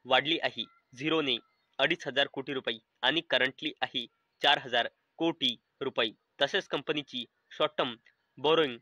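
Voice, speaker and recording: A man with a Marathi accent hosting a stock market channel, reading out company figures in a steady scripted explainer and addressing viewers as friends. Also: medium pitch, no room sound, low-quality recording.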